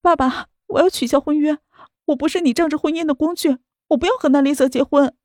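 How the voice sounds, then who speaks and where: A heartbroken young woman cries and pleads in a high, strained voice, voiced by a woman narrator. She sounds desperate and tearful throughout. The recording is dry and close. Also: fast talker, a little mellow, dry recording, natural voice. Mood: sobbing. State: crying. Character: distraught young woman, jilted fiancée.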